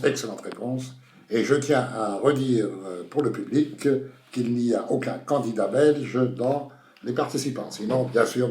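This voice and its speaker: A man's voice: mid-range voice, a little mellow. A man hosting a comic quiz show in a playful announcing manner, rejecting answers with mock seriousness. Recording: roomy echo.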